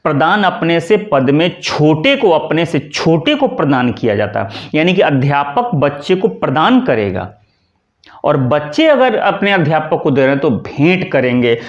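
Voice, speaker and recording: A man's voice: a little high, very animated, a little slow, lo-fi sound. A man teaching Hindi grammar in an exam-prep class, explaining with everyday examples, repeating key words and asking himself questions. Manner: repeats key words and says "ठीक है" often.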